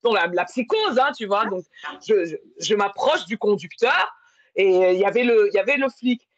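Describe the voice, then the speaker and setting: A woman's voice: medium pitch, expressive, moderate pace, no room sound. A woman telling a long personal story in casual conversation, with many fillers. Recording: muffled lo-fi sound.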